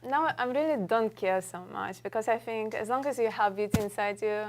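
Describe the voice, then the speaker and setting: A woman's voice: on the high side, brisk. A young woman from Russia with a Russian accent, chatting as a talk show guest, friendly and searching for words. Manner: friendly, hesitant with fillers, laughs easily. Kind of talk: casual interview chat.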